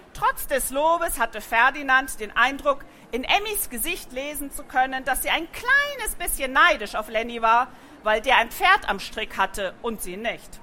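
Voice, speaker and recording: A woman reads a children's story aloud in a gentle, expressive way. Her voice sits a little high and sounds bright and clear, with a faint hiss behind it. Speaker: narrator. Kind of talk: reading a children's book aloud.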